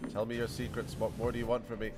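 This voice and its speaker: Talking fast in a mid-range voice with little pitch movement, a man streams a game and chats with his audience. He rambles, laughs often, and addresses chat directly, all over background game music.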